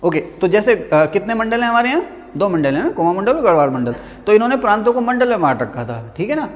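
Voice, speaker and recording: A man teaching a history lesson in a classroom, turning each point into a quick question and answer and joking with his students between points. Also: high-pitched, big pitch swings. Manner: repeats key answers as quiz-style questions. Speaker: history teacher at a coaching academy. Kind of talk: classroom lecture. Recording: long reverb of a hall-like classroom.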